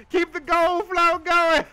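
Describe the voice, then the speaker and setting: Man yelling a long, high-pitched goal call. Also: takes it slowly, soft background music. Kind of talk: excited gameplay commentary.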